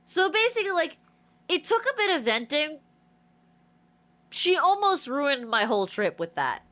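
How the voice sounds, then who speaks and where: A game streamer with a high-sitting voice talks at a moderate pace in a casual livestream chat, rambling through a story. Her blocked nose makes her sound stuffy and nasal, and her animated telling keeps restarting.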